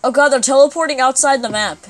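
A woman giving let's play commentary as she plays, excitable and breaking into sudden exclamations. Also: sits high, quick pace, slight background noise. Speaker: gamer.

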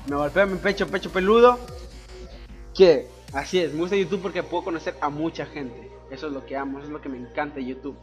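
A man's voice: fairly high pitch, fast talker, soft background music. A young man from Ecuador, a YouTuber answering viewer questions in a boisterous, crude, joking way with lots of swearing. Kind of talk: casual Q&A voice-over over gameplay.

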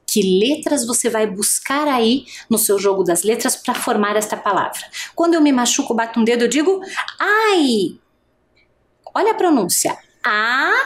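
A woman teacher giving an adult literacy lesson, speaking patiently and stretching out each vowel sound. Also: fairly high pitch.

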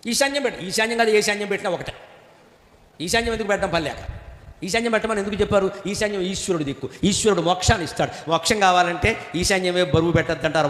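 Older guy preaching, quick and witty, big roomy echo with a long hall tail. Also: sits high, a bit bright. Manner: humorous, mimics everyday people, chants Sanskrit verses. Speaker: spiritual speaker. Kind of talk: discourse on spiritual life. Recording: echoey hall with long reverb.

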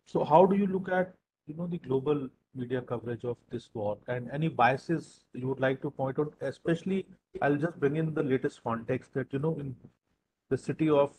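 A man's voice: mid-range voice, darkish tone, breathy edge, low-quality recording. A man moderating an interview, asking long, wordy questions with fillers.

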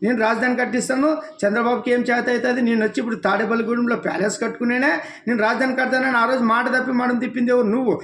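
A man delivers a heated political rant, and his voice sits very high. He talks extremely fast and keeps scolding his target with rhetorical questions. The recording has a roomy echo. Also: fairly even intonation, a bit bright. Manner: scolding, rhetorical questions, addresses listener as nuvvu. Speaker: devotional channel speaker.

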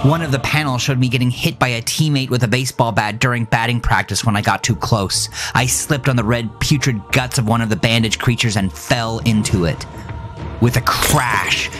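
A podcast host with a mid-range voice reads scripted first-person horror narration, telling the story in a dramatic, deliberate way.

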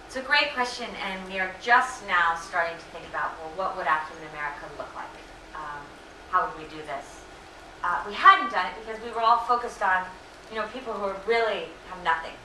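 Slightly hoarse middle-aged woman, bright lower voice, lecture guest recorded from across an echoey room. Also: a little fast, a little hiss or hum. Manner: earnest, many fillers and self-corrections. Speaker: invited lecture speaker. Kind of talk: lecture Q&A answers. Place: lecture hall. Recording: echoey room, distant mic.

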